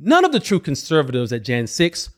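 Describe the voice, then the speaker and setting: A man's voice: fairly high pitch, huge pitch swings, fairly quick, noisy background. A man delivering scripted political commentary as a host, with a sarcastic, mocking manner.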